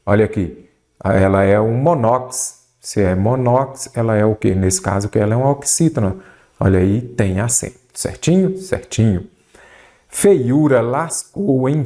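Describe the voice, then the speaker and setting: A man teaches a grammar lesson for exam prep. His voice sits at a middling pitch with a soft, mellow tone. He keeps up a lively back-and-forth with himself, posing questions and drawing out key words. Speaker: Portuguese teacher.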